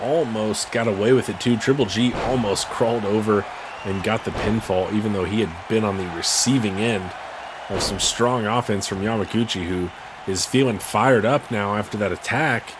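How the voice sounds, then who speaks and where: A man's voice: on the low side, normal speed, background noise. A man doing wrestling commentary as play-by-play announcer, calling the action in short bursts.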